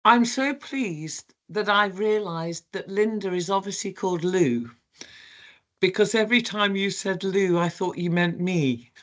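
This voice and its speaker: A woman's voice: medium pitch, measured pace. Amused woman on a video call. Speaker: panel guest. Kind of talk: casual online meeting chat.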